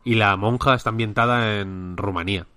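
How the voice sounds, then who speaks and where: Low-voiced Spanish man rambling in chat. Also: fairly even intonation, brisk, pushed and bright, no echo. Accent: Spain. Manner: rambling, with frequent restarts. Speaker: podcast co-host. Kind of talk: casual chat.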